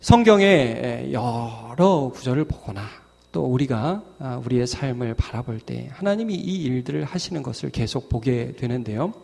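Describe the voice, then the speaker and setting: Animated male preacher in a reverberant hall. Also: vocal fry. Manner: animated preaching with big pitch swings. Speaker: pastor. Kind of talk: sermon. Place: church sanctuary.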